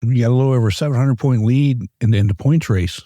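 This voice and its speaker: A man hosting a relaxed chat, his voice warm and dark, at a mid pitch. He often stumbles and repeats words as he talks. The sound is close and dry. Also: fast talker, no room sound. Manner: laid-back, stammers and repeats words. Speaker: podcast host. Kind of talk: casual chat.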